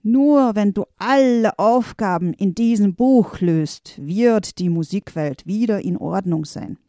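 A woman voicing a sinister, dark-clad male wizard in a children's storybook, gloating and menacing. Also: high-pitched, slow, no room sound, clean studio sound.

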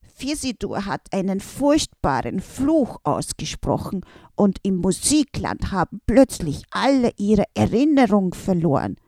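A woman's voice: mid-range voice, very animated, unhurried, vocal fry, warm tone, no room sound, clean studio sound, full character voice. A woman voicing a small, round quarter-note creature who pleads in despair. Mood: desperate. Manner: desperate, pleading.

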